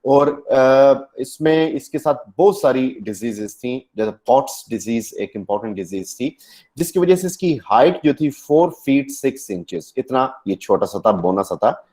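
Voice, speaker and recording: A man's voice: mid-range voice, animated, a little slow, a little mellow. A man with a Pakistani accent teaching English literature in a classroom, explaining at length and slipping English terms and phrases into his talk. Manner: explanatory, mixes English terms into Urdu, many fillers. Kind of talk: classroom lecture.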